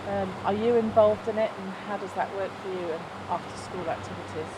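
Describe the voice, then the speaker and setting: A woman's voice: medium pitch, brisk, heavy background noise. Woman interviewer, a little off the mic. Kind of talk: informal interview questions. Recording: slightly distant microphone.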